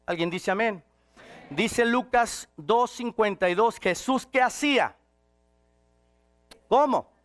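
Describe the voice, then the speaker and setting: A man preaching a sermon, swinging from shouted passages to quiet, intimate ones. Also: high voice, lively intonation, takes it slowly, pauses often.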